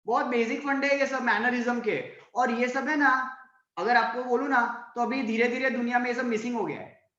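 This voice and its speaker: A man's voice: extremely high pitch, fairly even intonation, moderate pace, sharp tone, roomy sound, muffled recording. A male college lecturer with a Gujarati accent, teaching an online class and checking in with his students again and again. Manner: mixes Hindi, Gujarati and English, asks "right?" often.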